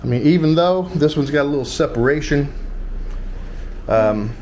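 An American vlogger and host chats in a joking, rambling, informal way, holding an action camera at arm's length in a tiled room and an open-fronted home shop. His higher-pitched, slightly mellow voice has lively intonation and a moderate pace, and the handheld camera audio is noisy.

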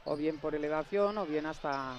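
A woman giving live basketball analysis as color commentator, thoughtful and halting, with many fillers. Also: deep voice, a little mellow, a little hiss or hum.

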